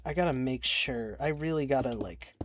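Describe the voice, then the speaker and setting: A young let's-play creator speaks at normal speed in a medium pitch while commenting on his game. The talk is rambling and frustrated, full of swearing and restarted sentences. Slight background noise and faint keyboard clicks are audible.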